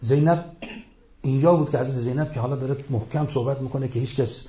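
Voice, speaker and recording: A man giving an impassioned religious lecture, retelling a story and rising into loud rhetorical outbursts. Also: mid-range voice, steady tone, echoey room. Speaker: preacher. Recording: dull lo-fi recording.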